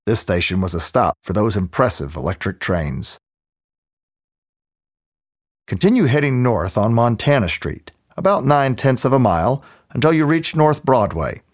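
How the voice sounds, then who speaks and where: A man narrating a scripted audio tour in the smooth, measured, clearly articulated manner of a museum guide. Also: mid-range voice, sing-song. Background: background music.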